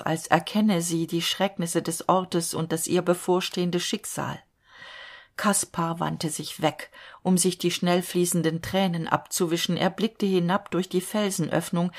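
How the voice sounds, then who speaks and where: Low-voiced woman reading a fairy tale. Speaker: narrator.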